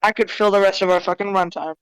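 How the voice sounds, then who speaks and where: A woman co-hosting a casual podcast chat, animated and blunt, swearing freely. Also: mid-range voice, fast, smooth, no echo, low-quality recording. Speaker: podcast co-host.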